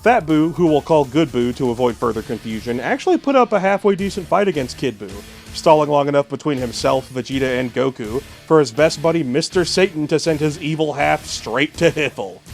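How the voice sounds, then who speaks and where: A man's voice: a little high, expressive, brisk, few pauses. A man co-hosting with scripted narration, telling the story with a wry edge. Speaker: show co-host. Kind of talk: scripted versus-show narration. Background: faint background music.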